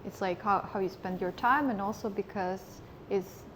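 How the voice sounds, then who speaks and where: Asking questions in a casual interview, the female host keeps up a steady stream of encouraging back-channel murmurs. She has a medium-pitched, slightly bright voice at a moderate pace, and the audio is poor with slight background noise.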